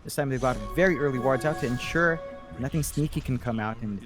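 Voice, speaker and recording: A man commentating an esports match, analytical and measured, with some fillers and restarts. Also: mid-range voice, music in the background. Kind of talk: play-by-play commentary.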